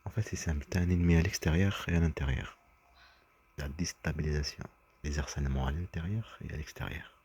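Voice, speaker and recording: A man's voice: very deep voice, brisk, darkish tone, breathy edge. A man talking in a rambling personal monologue, agitated and often stumbling over and repeating his words. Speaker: vlogger.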